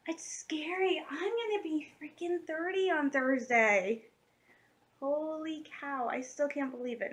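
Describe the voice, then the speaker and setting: Bright high-voiced chatty young woman. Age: late 20s. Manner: chatty, giggly, rambling with many fillers. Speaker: vlogger. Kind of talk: casual chat to camera. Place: her room at home.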